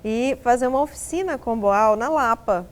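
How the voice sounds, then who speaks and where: A woman's voice: a little high, moderate pace. Middle-aged Brazilian woman guest, reflective. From Rio de Janeiro, Brazil. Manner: reflective, filler-tagged, trails off. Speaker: interview guest. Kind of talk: casual interview conversation.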